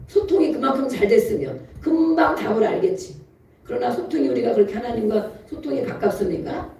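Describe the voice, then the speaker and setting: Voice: high-pitched, warm tone. A pastor giving a sermon who acts out pleading prayers in a raised voice and often laughs while preaching. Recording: very echoey room, voice far from the mic.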